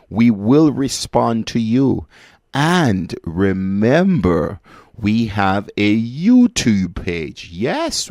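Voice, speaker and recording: Slow, gravelly-voiced radio host man. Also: lowish voice, darkish tone, dry recording, clean studio sound. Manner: emphatic, repeats key phrases for stress; preachy, addresses listeners directly. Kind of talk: call-in radio advice talk.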